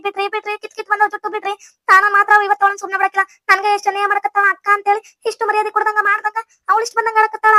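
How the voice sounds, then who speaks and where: A shrill, wailing cartoon wife, pleading and raging, as a woman puts her on. North Karnataka Kannada accent, very high and bright, dry and close-miked. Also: no room sound. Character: wronged young wife, frantic and pleading.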